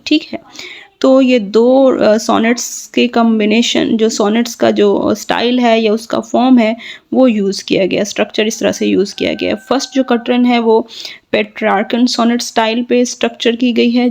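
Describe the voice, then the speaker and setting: A woman with a slightly high, gravelly voice, teaching a literature lesson. She explains each point step by step and keeps checking that listeners follow. Now and then she slows down for careful English sentences. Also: a little mellow. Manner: switches between Hindi and slow, deliberate English sentences. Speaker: literature lecturer. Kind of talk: classroom lecture.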